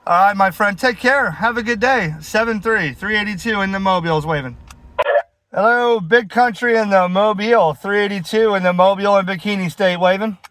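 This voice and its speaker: A man's voice: high voice, brisk, fairly bright tone, a little hiss or hum, poor audio. A man working as a mobile CB radio operator, calling out contacts with call signs in friendly, informal patter from inside a vehicle.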